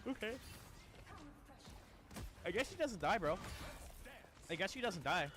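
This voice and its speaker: A man's voice: high voice, sing-song, a little slow, sharp tone. A man casting an esports match as play-by-play commentary, laid-back and chatty, calling people "bro" and "dude" and trailing off with fillers. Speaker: esports caster. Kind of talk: casual play-by-play game commentary.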